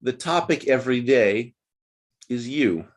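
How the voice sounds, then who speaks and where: A man's voice: mid-range voice, expressive, unhurried. A man leading an online group English lesson over a video call, patient and coaching, repeating phrases for his learners. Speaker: English teacher.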